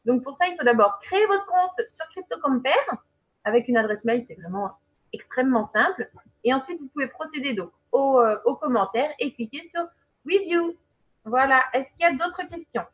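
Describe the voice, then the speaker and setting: A woman's voice: high voice, animated, moderate pace, low-quality recording. A woman presenting a webinar, explaining a website step by step in a chatty way, with many fillers and check-ins to her viewers. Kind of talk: screen-share software walkthrough.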